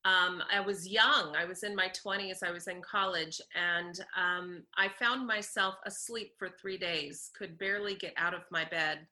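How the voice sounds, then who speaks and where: A woman's voice: lowish voice, fairly even intonation, normal speed, few pauses, sharp tone. A woman voice coach answering interview questions, explaining technique and demonstrating sounds as she goes. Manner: instructive, demonstrates vocal sounds.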